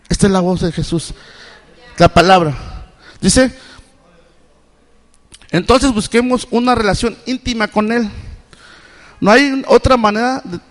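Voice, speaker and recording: High-voiced preacher in a reverberant church. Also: male voice, a bit bright. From Mexico. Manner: asks the congregation repeated questions; halting, with many restarts. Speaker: Sunday school preacher. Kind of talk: sermon. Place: church sanctuary.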